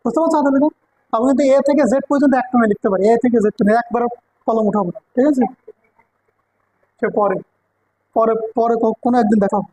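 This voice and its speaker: A woman with a Bengali accent leads a coaching-center English lesson in a high, bright voice. She explains grammar step by step and keeps asking her students whether they understand. The sound is close and dry. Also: quick pace, pauses often, no room sound, rough recording. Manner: checks understanding with repeated questions to students.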